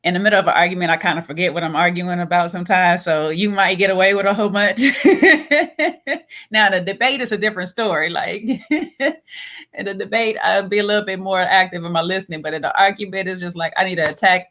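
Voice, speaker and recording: Lively, laughing woman co-host. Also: lowish voice. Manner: animated, laughs often, acts out arguments. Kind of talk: casual chat.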